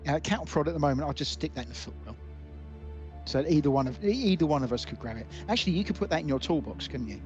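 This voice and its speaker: A man with a British accent playing a tabletop game, quick and offhand. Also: fairly high pitch, animated, darkish tone, muffled recording, faint music behind. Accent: British English. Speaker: player. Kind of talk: casual tabletop play.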